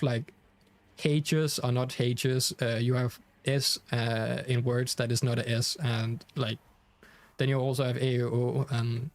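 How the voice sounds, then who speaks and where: A young man with a Danish accent and a mid-range voice chats casually with viewers on a game stream, heard in a dry recording. His talk is loose and chatty, full of fillers and restarts, and he reads the chat aloud.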